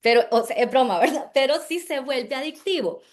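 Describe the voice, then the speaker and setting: Higher-voiced female diction instructor; emphatic, careful teaching delivery. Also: animated. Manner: emphatic, demonstrates words slowly and carefully. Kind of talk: teaching a workshop on pronunciation.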